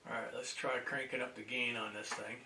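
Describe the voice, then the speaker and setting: A man hosting a casual livestream and greeting viewers, sounding distant from the boom microphone. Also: flat delivery, fairly quick, gravelly, sharp tone, a little hiss or hum. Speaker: livestream host. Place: indoors at a table. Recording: roomy echo, distant microphone.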